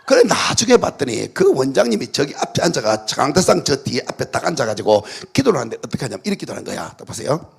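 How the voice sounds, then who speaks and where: A man preaching at a revival meeting, telling lively stories, shouting decrees and mimicking prayers for laughs. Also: mid-range voice, quick pace, gravelly, few pauses, breathy edge. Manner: animated storytelling, shouted decrees and playful mimicry. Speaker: pastor. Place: church hall.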